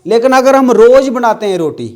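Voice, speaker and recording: A man's voice: very high voice, animated, normal speed, a little mellow. A man teaching an English grammar class, asking the students questions and repeating the key words.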